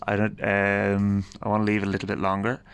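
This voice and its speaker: Speaking fairly quickly in a smooth, low, completely flat voice, the Irish host of a radio repair video works in a garage. His casual, thinking-aloud commentary on the repair carries wry understatement, and the audio comes from a handheld phone.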